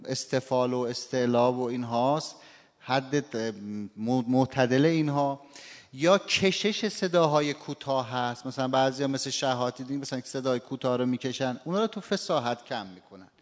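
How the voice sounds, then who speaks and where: A man teaching a recitation class, explaining points politely and demonstrating phrases as examples. His voice sits at an ordinary middle pitch. The room gives it a long reverb. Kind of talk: classroom lecture with questions.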